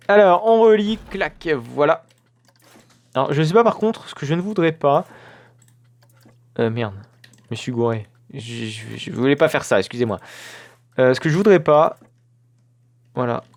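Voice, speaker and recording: A man with a fairly high voice commentates his gameplay in a loose, casual way. He talks to his viewers directly into a desk microphone, pausing often to correct himself. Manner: chatty, self-correcting, frequent filler sounds. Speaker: let's play host.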